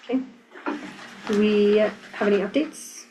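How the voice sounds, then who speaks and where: A woman's voice: medium pitch, fairly even intonation, a little slow, mellow, rough recording. An American woman chairing a public meeting in a plain, businesslike, procedural way. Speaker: planning commission chair. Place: indoor public meeting room. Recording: faint background noise in meeting room.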